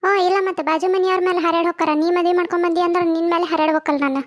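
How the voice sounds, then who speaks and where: Woman playing a cartoon village wife with a North Karnataka accent: very high, flat and rapid, always nagging. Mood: scolding. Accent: North Karnataka Kannada. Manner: nagging, complaining, fast-talking. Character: grumbling overworked young village wife. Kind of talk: cartoon comedy voice acting.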